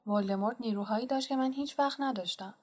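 Woman doing a calm wise old wizard, soft and unhurried, audiobook. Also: a little high, close to an everyday voice. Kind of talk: audiobook character reading.

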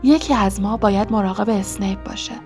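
A woman voicing a determined young schoolboy who speaks urgently and low in a storybook reading. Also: soft background music, close to an everyday voice. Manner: urgent and hushed.

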